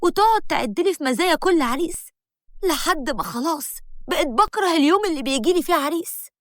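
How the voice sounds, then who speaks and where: A woman's voice: sits high, animated, quick pace, dry recording, clean studio sound, pitched above the performer's own voice. A woman voicing an irritated, resentful young woman with an Egyptian accent. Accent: Egyptian Arabic. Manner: agitated complaining.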